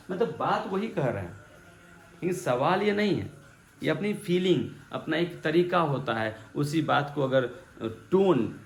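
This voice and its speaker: A man teaching English grammar in Hindi to a class, acting out his examples and asking the class repeated questions. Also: a little high. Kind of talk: classroom lesson explaining. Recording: echoey room with faint background noise.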